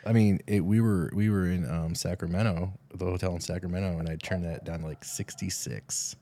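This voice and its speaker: A podcast co-host, a man with a very low voice, tells easygoing stories full of restarts. He sounds tired after a red-eye flight. The recording is dry and close, with no room sound. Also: steady tone, a little fast, warm tone, no echo. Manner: laid-back storyteller, frequent restarts. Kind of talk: casual chat.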